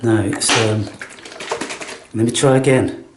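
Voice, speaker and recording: Filming a pet's feeding at home, an animal carer murmurs casually to the animal in a coaxing, blokey way, calling it "mate". His lowish voice is slow with fairly even intonation. The room is echoey, with faint noise and clicks.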